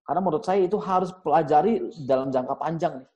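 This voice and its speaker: A man's voice: on the high side, quick pace, mellow, highs cut off. A young man giving a casual motivational seminar talk to a live audience, joking and asking the room questions. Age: young adult. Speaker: seminar speaker.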